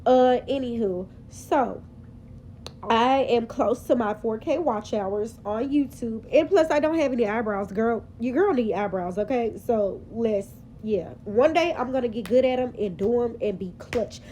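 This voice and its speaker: Chatty woman with a mellow voice. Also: a little high, unhurried, slight background noise, poor audio. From Memphis, Tennessee, US. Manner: chatty, sassy, rambling with fillers. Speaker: vlogger. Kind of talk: casual confessional vlog. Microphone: phone camera.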